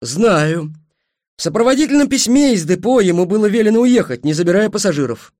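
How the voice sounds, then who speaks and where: A man voicing a gruff, plain-spoken middle-aged train driver in an audiobook. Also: mid-range voice, big pitch swings, normal speed, a bit bright, no echo, studio quality. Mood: defensive.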